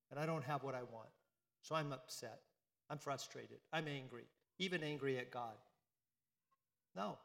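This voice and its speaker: A man's voice: fairly high pitch, gravelly, fairly bright tone, long reverb tail. A man giving a conversational sermon to a congregation, often repeating phrases and asking them questions. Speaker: priest. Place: church.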